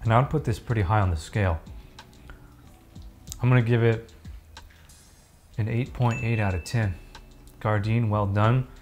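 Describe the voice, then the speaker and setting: Low-voiced man reviewing food casually. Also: normal speed, pauses often. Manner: relaxed, chatty, eats while talking. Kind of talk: casual food taste-test vlog.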